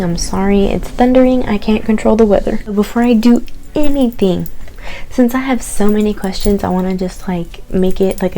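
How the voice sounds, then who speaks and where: A young adult woman vlogging, telling stories in a candid, animated, casual way, swearing and saying "like" often. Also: medium pitch. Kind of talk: casual chatty storytelling.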